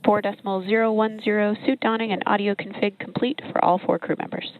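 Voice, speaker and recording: A woman's voice: mid-range voice, flat delivery. A woman in mission control reading back procedural confirmations over a radio intercom link. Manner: measured procedural readback. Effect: tinny radio intercom link. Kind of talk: radio comm call-outs. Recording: tinny radio link, faint hiss.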